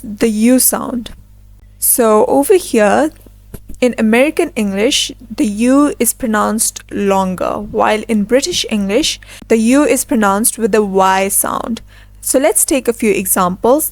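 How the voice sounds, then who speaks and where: A woman with a fairly high voice walks through a scripted pronunciation lesson. She slows down to model each example word with careful, deliberate emphasis. The sound is dry and close, with no room around it. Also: dry recording. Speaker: English teacher.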